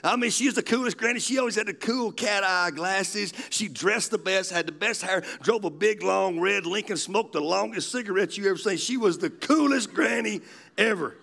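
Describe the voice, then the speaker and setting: Preacher guy, folksy storytelling, bright tense voice with some gravel. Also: sits high, normal speed. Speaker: pastor. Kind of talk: sermon.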